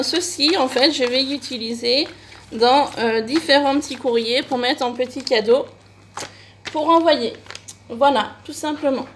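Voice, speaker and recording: A woman's voice: high-pitched, slight background noise. A woman chatting casually in a shopping haul video for her crafting channel, with frequent hesitations and fillers. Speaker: crafting vlogger.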